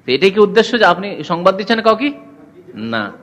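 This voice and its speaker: A man's voice: high-pitched, big pitch swings, a little fast, fairly bright tone, long reverb tail. A man teaching a religious lesson, asking the class questions and reciting Arabic. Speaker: Islamic teacher.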